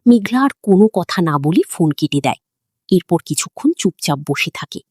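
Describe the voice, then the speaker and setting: A woman narrating a recap of a drama episode in an expressive, dramatic storytelling manner. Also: lowish voice, moderate pace, husky, no echo, studio quality.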